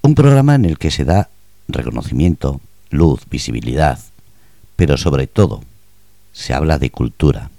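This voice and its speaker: A man's voice: a bass voice, sing-song, normal speed, vocal fry, long pauses, warm tone, dry recording. A man hosting a radio interview, asking playful, probing questions. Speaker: radio host.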